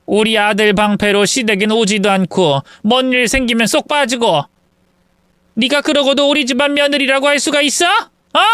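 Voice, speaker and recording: A bitter older mother-in-law, as a man puts her on, hurling accusations in a high, piercing tone. Her voice is smooth and crisp, set close and dry with no room sound. She rants on without letting up. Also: sharp tone, no room sound, exaggerated voice. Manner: shrill, accusing tirade.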